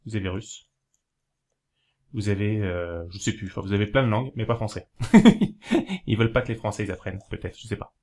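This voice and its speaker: A man talking casually to camera, giving practical tips in a rambling, hesitant way, with many fillers and self-corrections, slowing down to spell things out. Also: on the low side, lively intonation, darkish tone. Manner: explains slowly, spelling things out while writing. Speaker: video host giving learning tips.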